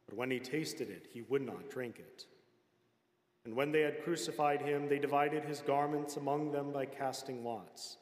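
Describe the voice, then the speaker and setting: Guy reading scripture slow and solemn, mid voice, big church with lots of echo. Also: medium pitch. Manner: measured, unhurried reading. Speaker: scripture reader. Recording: echoey hall with long reverb.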